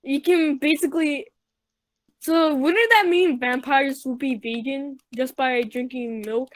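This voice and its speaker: High-voiced rambling young woman. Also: measured pace. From Mexico. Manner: rambling, tangent-prone, full of fillers. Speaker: podcast co-host. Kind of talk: casual chat.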